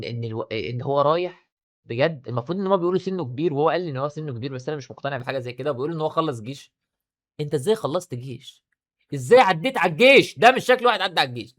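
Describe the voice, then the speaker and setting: A man with an Egyptian accent, talking excitedly in a casual commentary vlog. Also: on the high side. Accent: Egyptian Arabic. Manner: excitable, rapid-fire talk. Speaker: YouTuber.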